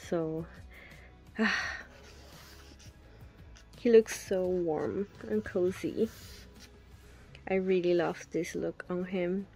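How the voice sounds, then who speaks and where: Young woman, fan unboxing; unhurried, gushing, breathy gasps; soft music bed. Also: fairly low pitch, fairly even intonation. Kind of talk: casual unboxing commentary.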